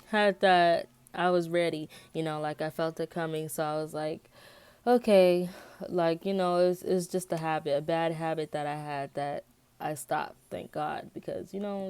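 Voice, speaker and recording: Young adult woman, American accent, slightly low pitch, colloquial, candid, rambling personal vlog chat. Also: darkish tone, clean tone, dry recording. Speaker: vlogger. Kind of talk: casual personal chat to camera.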